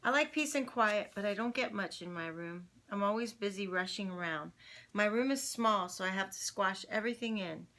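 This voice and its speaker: A woman reads a children's picture book aloud for kids at home, lively and chatty with little laughing asides. Her voice is bright and forward, sitting in a middle pitch. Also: moderate pace. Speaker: singer reading a children's book online.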